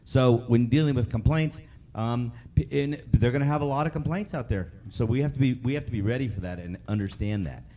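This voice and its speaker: A man's voice: medium pitch, fairly quick, few pauses, dark tone. A man presenting a live customer service training to a group, repeating his points and asking the audience questions. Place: meeting room with a live audience.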